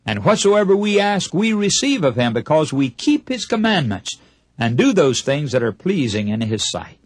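On a dry recording, a man with a mid-range, slightly rough voice preaches a Bible sermon for broadcast. The radio preacher is emphatic, poses rhetorical questions to listeners, and acts out little imagined exchanges.

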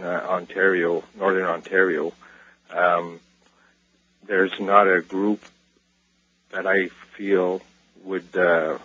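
Deep husky man calling in by phone. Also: fairly bright tone, no room sound. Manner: slow, halting, with fillers. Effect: phoned-in radio caller. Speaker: caller. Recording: dull phone line, dry.

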